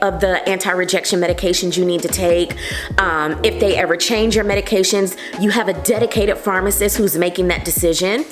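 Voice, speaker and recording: A woman vlogger talking casually to camera, earnest and encouraging as she gives advice. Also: mid-range voice. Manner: earnest and encouraging, often says "like" and "you know". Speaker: vlogger sharing patient advice. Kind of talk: casual heartfelt talk to camera.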